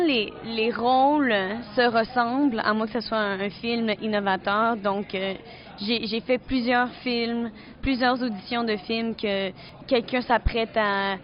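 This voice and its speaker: A woman's voice: mid-range voice, muffled recording. A woman from Quebec City with a Québécois accent, an actress answering interview questions in a chatty way, with many fillers and restarts. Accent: Québécois French. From Quebec City, Canada.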